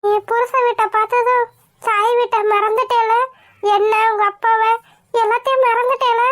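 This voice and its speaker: A fussy old cartoon grandmother scolds and pleads through tears, voiced by a woman. Her voice sits strikingly high and shrill. The sound is dry and close. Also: flat delivery, normal speed, a bit bright, dry recording. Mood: pleading. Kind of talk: cartoon voice acting.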